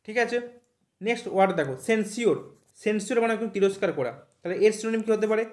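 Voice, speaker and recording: A man's voice: high-pitched, echoey room. A man teaching English vocabulary for an exam, often checking "right?" and spelling words out letter by letter. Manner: repeats "thik ache?" after nearly every point, spells words out slowly. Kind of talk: online vocabulary lesson.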